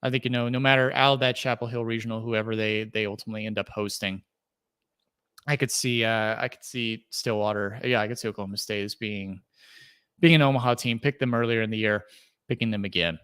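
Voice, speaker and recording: A man's voice: on the low side, fairly even intonation, a little fast, a bit bright, clear, resonant tone. A young adult man hosting a solo sports podcast, talking casually and rambling through fillers and restarts as he thinks aloud. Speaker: podcast host.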